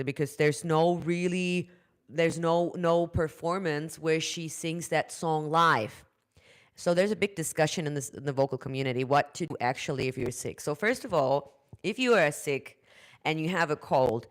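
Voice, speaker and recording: A vocal coach with a German accent chats casually to camera about singing in a low voice. Her talk loops around, with restarts, repeated words and quick "right?" checks after her points, and her phrasing shows that English is her second language.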